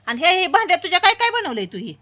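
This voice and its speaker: Young woman, coaxing and repetitive, high lively voice. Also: very fast. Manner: coaxing, repeating prompts to a child. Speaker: mother filming her child. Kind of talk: casual home video chat.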